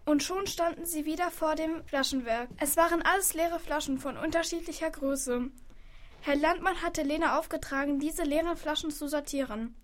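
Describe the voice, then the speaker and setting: A woman's voice: sits high, moderate pace, slight background noise. A woman narrating a children's radio play, chatting to the listeners in a confiding way.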